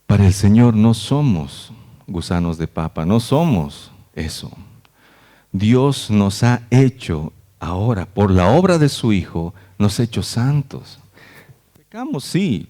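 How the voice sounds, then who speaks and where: A man's voice: on the low side, big pitch swings, a little slow, warm tone. A man, a pastor, preaching a conversational sermon at a church service and often checking in with "¿no?". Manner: earnest, conversational, frequent "¿no?" tags.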